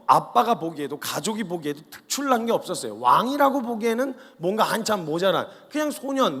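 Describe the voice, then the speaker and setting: Casting: a high-voiced male preacher, animated storyteller, recorded in a large hall with long reverb. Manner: animated storytelling, colloquial, acts out dialogue. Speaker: missionary preacher at a youth camp. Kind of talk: lively revival sermon.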